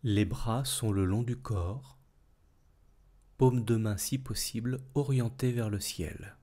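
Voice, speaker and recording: A man guides a yoga nidra relaxation as instructor, his medium-pitched voice calm and soothing. He speaks in measured phrases separated by long pauses.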